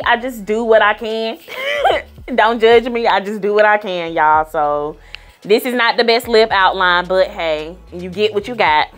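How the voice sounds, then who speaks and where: A woman's voice: medium pitch, fairly bright tone. A woman giving a casual makeup tutorial in a sassy, playful manner, talking straight to her viewers. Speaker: beauty vlogger. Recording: music playing behind the voice. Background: background music.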